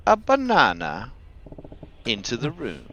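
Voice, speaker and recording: A man chatting casually as a player in a tabletop roleplaying game, with a wry, playful deadpan manner. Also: medium pitch, slow pace, muffled recording, slight background noise. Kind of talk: casual in-character game chat.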